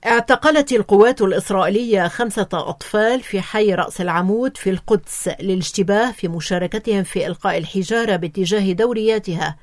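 Measured woman reading radio news. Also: medium pitch, dry recording, clean studio sound. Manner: measured, even formal delivery. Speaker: newsreader.

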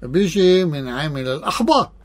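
A man's voice: a little high, animated, a little fast. A man with a Lebanese accent, a psychologist guest on a radio show, explaining in plain terms and tossing in rhetorical questions. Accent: Lebanese Arabic. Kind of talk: radio interview.

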